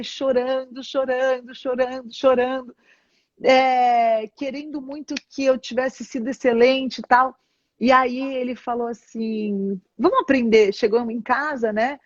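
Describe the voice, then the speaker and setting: A woman's voice: high voice, dry recording. A woman bishop with a Brazilian Portuguese accent, telling a personal testimony in an interview and acting out the dialogue as she goes. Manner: animated storyteller, acts out dialogue. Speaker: church bishop, interview guest. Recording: dull, dry sound.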